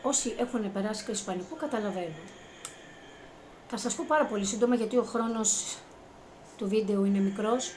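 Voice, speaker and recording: A woman earnestly recounting a personal experience to her viewers, growing more excited as she relives it. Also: pauses often, slight background noise. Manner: earnest, rising to high-pitched excitement when reliving events. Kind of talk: emotional personal testimony.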